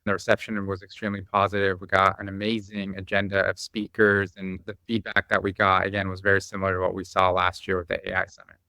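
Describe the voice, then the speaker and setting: Man, founder guest, from the Bosnia and Croatia area; forceful, bright tone, slightly low. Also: monotone, fast, few pauses, no echo. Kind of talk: conversational interview.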